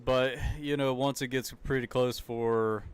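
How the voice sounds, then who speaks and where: A young man from the American South gives chatty live commentary on a car race in a clear, resonant, medium-pitched voice at a measured pace with fairly even intonation. He keeps it loose with slang, laughs often and keeps saying "dude" and "like."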